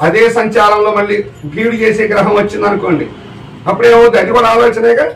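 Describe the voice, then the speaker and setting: A man's voice: high voice, fairly even intonation, quick pace, creaky, a bit bright, roomy sound, distant mic, slight background noise, rough recording. A man giving a religious discourse to a live audience as a spiritual teacher, often putting questions to the listeners. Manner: keeps asking the audience questions.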